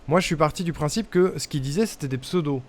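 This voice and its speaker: A man's voice: a little high, fast. Young man puzzling aloud on stream. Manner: thinks aloud, testing guesses and muttering to himself. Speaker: streamer playing a puzzle game. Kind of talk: casual live-stream commentary.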